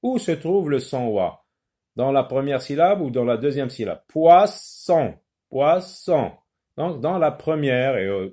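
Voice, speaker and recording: A man teaching a children's phonics lesson, repeating each word slowly and sometimes explaining in Arabic. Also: mid-range voice, dark tone. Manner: slow, repeats words syllable by syllable.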